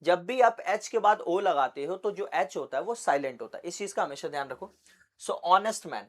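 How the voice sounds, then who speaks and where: A man's voice: high-pitched, lively intonation, moderate pace. A young man teaching English basics with a Hindi accent, asking questions and answering them himself. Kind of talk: classroom lesson.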